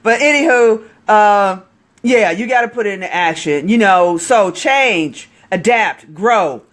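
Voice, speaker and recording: Excitable high-voiced motivational man. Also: a little slow. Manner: excitable, preachy, greets viewers mid-talk. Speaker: online marketing coach. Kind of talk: motivational live stream.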